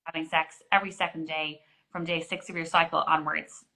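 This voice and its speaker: A woman's voice: sits low, flat delivery, brisk, gravelly, pushed and bright, rough recording. A woman in her forties, a GP, answering interview questions in an explanatory way with many restarts. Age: 40s. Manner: explanatory, frequent restarts and fillers.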